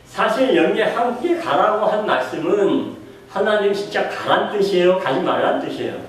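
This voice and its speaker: A man's voice: high voice, lively intonation, normal speed. A man delivers a sermon as a pastor, questioning his listeners and acting out the voices he quotes. He stands some way from the microphone, and his words ring through a strongly echoing hall with a faint hum of room noise underneath. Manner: asks the congregation questions and acts out quoted voices. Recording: echoey room heard from a distance.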